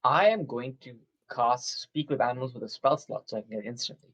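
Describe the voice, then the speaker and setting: A tabletop game player improvising casually, narrating their own actions in a hesitant, gently coaxing way. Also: mid-range voice, a little fast, breathy edge, highs cut off.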